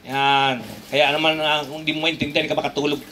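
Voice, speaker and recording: Filipino male pastor, high bright voice, chatty joking sermon with emphatic peaks; casual church preacher. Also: level tone, fast, a little hiss or hum. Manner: conversational, joking, switching between Tagalog and English, rising emphatic peaks.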